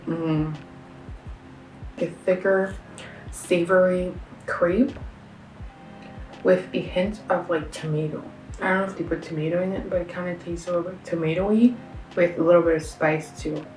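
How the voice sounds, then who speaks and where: A woman's voice: fairly low pitch, steady tone, a little fast, a little mellow, soft background music. A young woman from Canada in a casual food-tasting vlog, chatty and enthusiastic, with lots of fillers and slang. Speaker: vlogger. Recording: roomy sound, a bit far from the mic.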